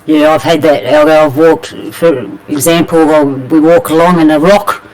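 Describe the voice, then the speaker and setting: A man with a slightly higher voice talks through big questions in a casual round-table chat. He thinks aloud, circling back on his words. The sound is dry and close. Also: steady tone, moderate pace, no room sound, rough recording. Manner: poses searching philosophical questions, thinking aloud.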